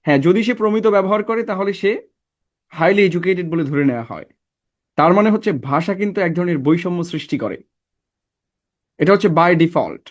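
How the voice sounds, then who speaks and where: Man, teacher, classroom lecture, fairly high voice, checks in with students. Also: lively intonation, fairly quick, long pauses. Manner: conversational, asks the class checking questions.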